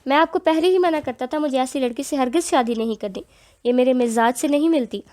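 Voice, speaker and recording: A woman's voice: high voice, darkish tone, close to an everyday voice. A woman reading the part of a hot-tempered young husband in an audio novel, with clipped, biting delivery. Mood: angry.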